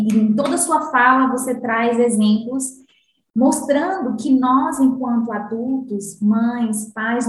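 A woman with a Brazilian Portuguese accent who hosts the conversation and speaks in a thoughtful, reflective way. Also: a little high. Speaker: host. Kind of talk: conversational interview talk.

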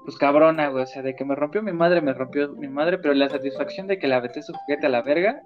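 A man's voice: on the high side, quick pace, highs cut off, over music. A man with a Mexican accent telling stories in casual chat with crude slang. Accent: Mexican Spanish.

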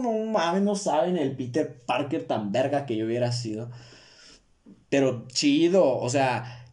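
A man's voice: medium pitch, darkish tone. Young mexican guy rambling solo on his podcast, jokey and self-mocking, lots of slang. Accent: Mexican Spanish. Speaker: podcast host. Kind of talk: casual solo podcast monologue.

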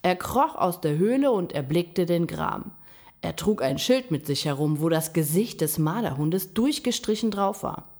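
A woman reading a fable aloud in a measured, expressive way. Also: on the low side. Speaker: storyteller. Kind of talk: reading a children's story aloud.

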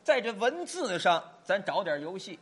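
Crosstalk straight man, lively pitch. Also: husky. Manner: patient explainer turning exasperated, quick retorts. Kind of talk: stage crosstalk dialogue.

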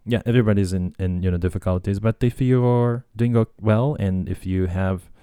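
A Japanese man, a podcast host and language tutor, talks casually on his own in a relaxed, rambling way, hesitating and full of fillers as he stops and restarts sentences. His very low voice is soft, mellow and smooth, and he speaks a little fast. The recording is close and dry, with no room sound.

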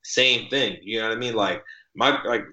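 Male podcast guest, casual and animated, bright tone, heavy slang, dull roomy audio. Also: moderate pace. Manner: animated, jumps in pitch, slangy, repeats "like". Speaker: podcast guest, article writer. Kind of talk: casual conversational storytelling.

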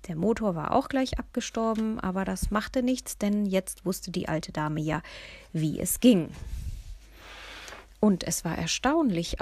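A woman reading a humorous first-person story aloud, lively, often dropping into hushed whispers. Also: medium pitch, no echo. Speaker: audiobook narrator.

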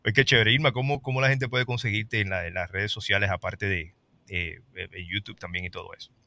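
A man hosting a casual talk show, lively and reading out viewer comments. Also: lowish voice, fairly quick. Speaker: host.

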